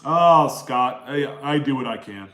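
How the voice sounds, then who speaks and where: In a casual live Q&A, an East Coast host from Maryland wanders warmly through viewer questions, calling people by name. He has a nasal, middle-pitched voice with lively intonation and a measured pace, heard in an echoey room.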